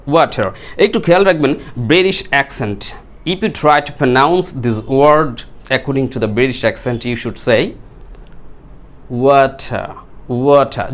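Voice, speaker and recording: A Bengali man teaching spoken English who explains patiently, repeats words slowly and keeps asking the viewers questions. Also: on the high side.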